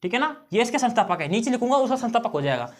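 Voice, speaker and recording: A man's voice: very high voice, sing-song, very fast. A male teacher giving an exam-prep lesson on memory tricks, often checking in with his students and repeating key phrases.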